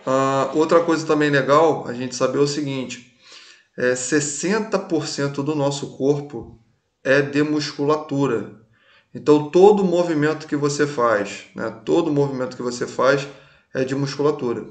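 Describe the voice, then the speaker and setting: A man's voice: a little high, normal speed. A man teaching a recorded class in a casual way, often checking that students follow along. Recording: echoey room.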